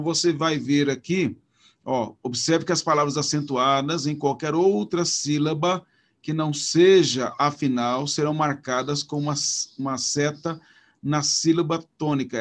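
A man with a Brazilian Portuguese accent teaching a recorded Hebrew lesson, talking haltingly with many restarts while he points things out on slides. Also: a little high. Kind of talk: recorded online lecture.

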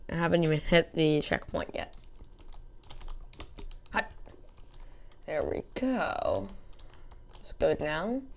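Woman doing casual game commentary, lowish creaky voice, talks like her mouth is full, rambly and self-deprecating. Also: huge pitch swings, slow pace, long pauses, a little hiss or hum. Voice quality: mouth-full, slightly slurred articulation. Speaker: gaming video host. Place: indoors, voice-over at a computer.

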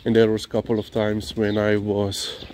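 Fairly low, monotone and somewhat dark, the voice belongs to a man with a Slovenian accent who owns a dog and vlogs. He walks outdoors and talks in a rambling, halting way, leaning on "you know" a lot. The recording picks up clearly noisy surroundings and vehicle sounds.

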